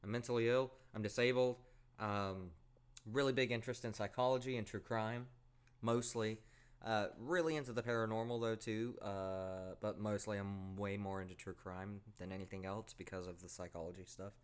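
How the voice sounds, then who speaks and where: Low-voiced casual man in his twenties. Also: steady tone, normal speed, clear, resonant tone. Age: 20s. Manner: rambling, swears casually, self-deprecating. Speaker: podcast co-host. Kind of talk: casual chat.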